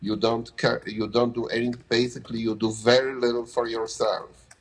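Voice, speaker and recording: This middle-aged man from Poland speaks with a Polish accent at a medium pitch, keeping his tone level and his pace moderate. Interviewed about his work as an anesthesia provider, he answers casually, often starting phrases over and adding "you know."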